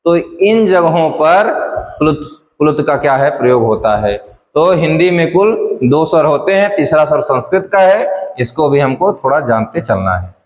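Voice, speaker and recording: A male teacher lectures on grammar with a fairly high voice, going over each definition slowly and repeating key phrases. His voice rings around a reverberant room, with a long tail after each line. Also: a little hiss or hum. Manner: repetitive, drilling definitions step by step. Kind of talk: classroom lecture.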